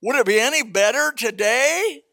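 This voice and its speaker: A seventy-year-old man preaches a casual, blunt sermon, reading scripture and speaking plainly to his congregation as he expounds the Bible. His voice is very high, pushed and bright, with vocal fry, and his delivery is expressive at a normal speed.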